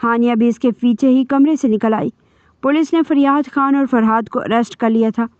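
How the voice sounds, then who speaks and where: A woman's voice: fairly high pitch, steady tone, a little mellow, clean tone, no room sound. A woman reading a romance novel aloud as narrator, in a dramatic, emotional way, in a dull, dry recording.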